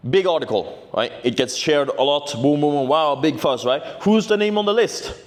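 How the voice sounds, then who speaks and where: A man's voice: a little high, animated, normal speed. A man, telling a story to camera in a brash, boastful, profane way, often tagging "right?" onto his sentences. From Norway. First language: Norwegian. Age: 20s. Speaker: vlogger. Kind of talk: casual storytelling vlog.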